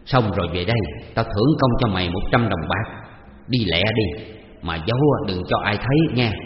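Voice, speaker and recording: A man's voice: lowish voice, moderate pace, reverberant, long reverb tail, lo-fi sound, natural voice. A man reading a story aloud, voicing an anxious, doting older father who bosses his servant around. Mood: ordering. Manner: bossy toward servant, fussing.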